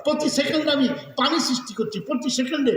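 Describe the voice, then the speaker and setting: A man preaching a storytelling sermon, animated and often shouting, calling out questions to his audience. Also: very high-pitched, fast talker. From India. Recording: echoey hall, distant, dull sound.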